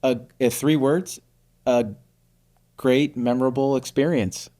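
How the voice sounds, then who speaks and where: A man's voice: mid-range voice, steady tone, unhurried, mellow. A man co-hosting a housing podcast, confidently explaining lending steps in casual chat. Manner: confident, explains with practical detail. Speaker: mortgage lender co-host.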